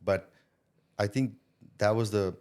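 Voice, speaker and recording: This podcast guest, a middle-aged Thai man who works in sales consulting, speaks at a fairly low pitch, slowly and a little mellow. He shares his story in a relaxed interview, thoughtful and talkative, with frequent "you know" and "right?".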